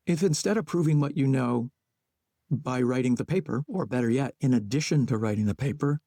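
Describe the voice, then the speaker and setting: A man with a gravelly, low-burning voice speaks as an interview guest. He thinks out loud in short, measured phrases, and his tone sits dark and mellow. The sound is close and dry, with no room around it. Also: dry recording. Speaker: guest, playwright and educator. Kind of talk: reflective conversational interview.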